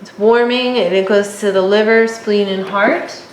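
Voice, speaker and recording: A woman teaching a course, working through her notes at an unhurried pace with occasional fillers. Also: mid-range voice, steady tone. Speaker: instructor. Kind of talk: lecture on herbal oils. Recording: echoey room, faint background hum.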